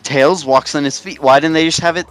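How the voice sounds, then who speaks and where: A man's voice: fairly high pitch, fairly even intonation, a bit bright. A man chatting casually as a co-commentator on a gameplay video, talking in stops and starts. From Canada. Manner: halting, talks in stops and starts. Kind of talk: casual gaming chat.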